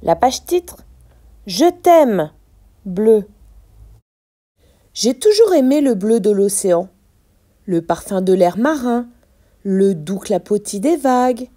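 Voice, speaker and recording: Lady teacher reading a kids book out loud, slow and animated, soft mellow voice. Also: mid-range voice. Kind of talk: storybook read-aloud.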